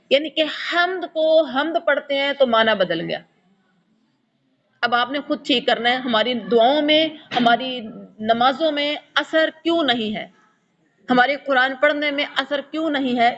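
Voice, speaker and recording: A woman's voice: fairly high pitch, a bit bright, highs cut off. A woman teaching a Quran pronunciation lesson, patiently demonstrating letter sounds over and over and quizzing her pupils. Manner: patient, instructive, asks pupils questions.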